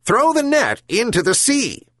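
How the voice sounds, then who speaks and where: A man's voice: very high voice, wildly swooping pitch, fairly bright tone, dry recording, studio quality, pitched above the performer's own voice, heavily acted. A man doing a wise, admonishing herring gull. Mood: commanding. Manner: measured, admonishing.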